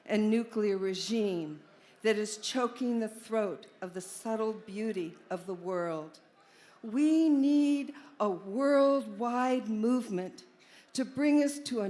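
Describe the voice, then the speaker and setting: A woman's voice: a little high, a little mellow. A woman reading out a fiery revolutionary speech on a live stage, declamatory and rousing. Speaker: speaker reading a statement at an event.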